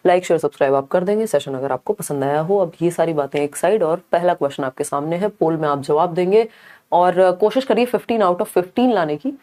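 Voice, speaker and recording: A woman's voice: fairly low pitch, a little fast, dark tone. A woman teaching a live online exam-prep class, chatty, often checking back with her viewers. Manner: chatty, mixes English into Hindi, asks the class to confirm.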